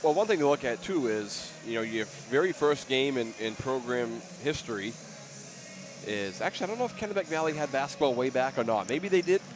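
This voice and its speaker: A man who coaches at the college, joining the broadcast courtside as guest commentator, talking haltingly and repeating words. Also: medium pitch, big pitch swings, poor audio. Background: music.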